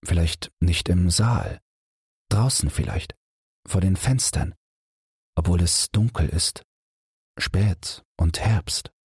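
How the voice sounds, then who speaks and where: A man reading a literary story aloud as a calm bedtime audiobook, with measured, gentle storytelling close to the mic. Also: deep voice, breathy edge, no echo. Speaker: audiobook narrator.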